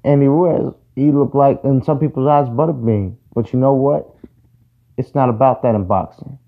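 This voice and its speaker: A man's voice: mid-range voice, moderate pace. A man hosting a casual sports talk show, giving his opinions in a conversational way and repeating points for emphasis. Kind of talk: casual solo sports commentary. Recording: tinny phone-like audio.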